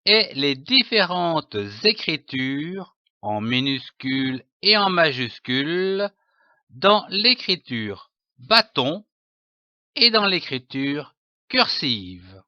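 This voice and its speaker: Slow, bright-voiced man teaching reading. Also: on the high side, sing-song, no echo, muffled recording. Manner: slow, deliberate, spelling out letters and syllables. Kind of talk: scripted reading lesson for young children.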